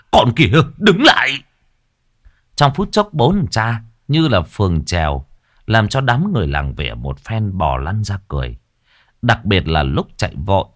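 A man telling a comic horror tale in a lively, colloquial way. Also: sits low, dry recording, studio quality.

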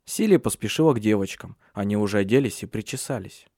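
A man narrating a novel as an audiobook in a steady, measured reading. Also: lowish voice, dry recording, clean studio sound. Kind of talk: scripted narration.

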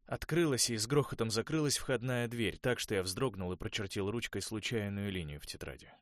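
A man narrating an audiobook in the first person in a steady, measured way. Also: on the low side, no echo, studio quality.

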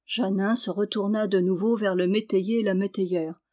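A woman reading a historical novel aloud as a volunteer audiobook narrator, with steady, expressive storytelling. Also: mid-range voice, normal speed. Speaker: audiobook reader. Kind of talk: literary narration.

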